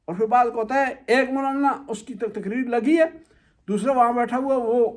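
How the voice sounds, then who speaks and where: A man's voice: very high-pitched, fairly even intonation. A male Shia cleric giving a conversational religious talk, lecturing through anecdotes and rhetorical questions.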